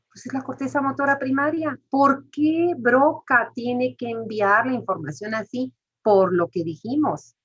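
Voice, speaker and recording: Husky woman lecturing a class. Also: mid-range voice, fairly bright tone. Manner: explains step by step, asks the class questions. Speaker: teacher. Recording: muffled lo-fi recording.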